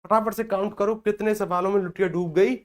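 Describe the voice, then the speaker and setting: A man's voice: high voice, steady tone, brisk. A man teaching a language lesson, going through mock test answers and checking in with his listeners again and again. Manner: repetitive, checks in with listeners often.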